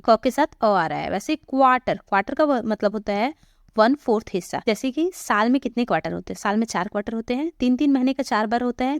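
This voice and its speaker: A woman's voice: on the high side, no echo. Woman teaching pronunciation, close and dry. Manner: patient, repeats example words slowly and asks questions. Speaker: English teacher. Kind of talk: spoken English pronunciation lesson.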